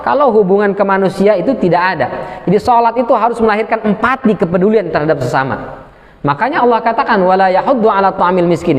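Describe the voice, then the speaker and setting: A man preaching in a study hall, with a high-pitched voice that rings with long reverb. He is animated and acts out questions from the congregation. He slows into a chant for his Arabic quotations. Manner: chants Arabic quotes slowly. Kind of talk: sermon.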